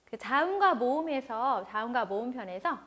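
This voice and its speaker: High-voiced woman teaching a language lesson. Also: expressive, a bit bright. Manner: patient, repeats words slowly for learners to follow. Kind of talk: online language lecture.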